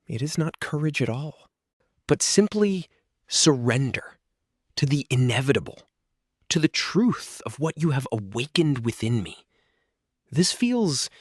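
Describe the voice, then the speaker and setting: A man voicing a centuries-old, proud, brooding vampire lord confessing love in an ASMR role-play, husky and breathy, with halting, intense delivery and dramatic pauses. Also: mid-range voice, no echo, clean studio sound, heavily acted. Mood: yearning, surrendering. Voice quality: breathy, husky, often dropping into soft voice.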